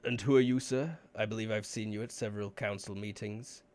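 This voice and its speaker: A man voicing a formal, measured town official in a tabletop game. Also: on the low side, steady tone, a little mellow, natural voice. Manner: formal, deliberate speech.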